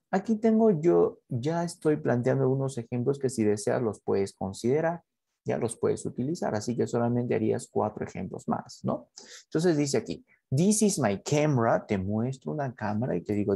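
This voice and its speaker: A male English teacher explains a class project, speaking slowly whenever he models example sentences. His voice is dark and gravelly with a husky edge. The recording is dry and close. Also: mid-range voice, dry recording. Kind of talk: explaining a school project in Spanish.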